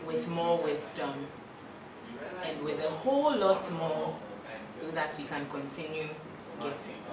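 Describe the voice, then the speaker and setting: A woman giving a shy, soft-spoken birthday message to her father and singing him a tribute, recorded from a distance in an echoey space. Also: low voice, slow. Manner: shy, soft-spoken between sung lines. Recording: echoey, distant, crowd noise behind.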